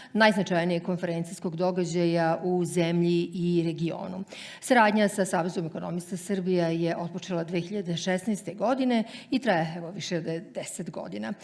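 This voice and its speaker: Woman, native Serbian, medium pitch, event announcer, formal scripted introduction. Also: a little mellow.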